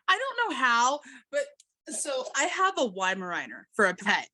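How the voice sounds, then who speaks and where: A woman's voice: sits high, pushed and bright. An American woman hosting an interview, chatting casually over a video call with fillers. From American Midwest and South. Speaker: host.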